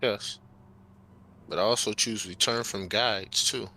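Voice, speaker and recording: A man playing a tabletop game, speaking in character in a hesitant, halting way. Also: on the low side, steady tone, pushed and bright, slight background noise. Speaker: player.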